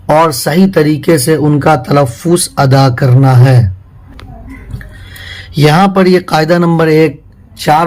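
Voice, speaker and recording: Man slowly drilling letter sounds. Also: fairly high pitch, a little mellow, poor audio. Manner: slow drawn-out syllable drills between brisk explanation. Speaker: Quran reading teacher. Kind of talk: step-by-step reading lesson.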